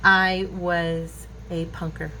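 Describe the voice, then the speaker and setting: The delivery is flat and slow, the voice lowish: a fifties-aged woman hosting a craft channel, casually talking through a tutorial and musing as she works. She's at her craft table indoors, and the home recording is clearly noisy.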